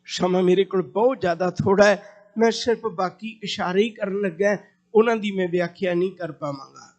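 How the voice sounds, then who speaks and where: A man delivers a sermon in a notably high voice. He tells a story at length and breaks into a chanted lilt when reciting scripture. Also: brisk, darkish tone, highs cut off. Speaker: preacher. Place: gurdwara congregation.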